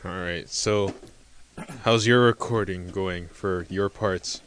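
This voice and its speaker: A man's voice: sits low, fairly even intonation, slow, background noise. A young man co-hosting a casual podcast chat, easygoing and laughing a lot. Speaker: podcast co-host.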